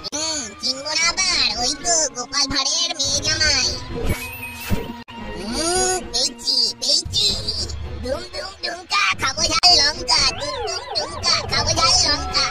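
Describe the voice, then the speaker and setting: Mischievous cartoon ghost, nasal, high-pitched, gleeful schemer, loud music behind. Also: unhurried, rough recording. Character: mischievous, gleeful ghost plotting nightly mayhem. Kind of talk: cartoon voice acting.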